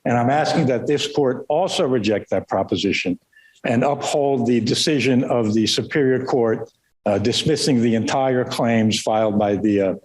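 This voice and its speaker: A man speaking as a lawyer making formal oral argument, in a halting, deferential way. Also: mid-range voice, a little mellow. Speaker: lawyer arguing before court. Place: indoor courtroom. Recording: echoey courtroom, faint background noise.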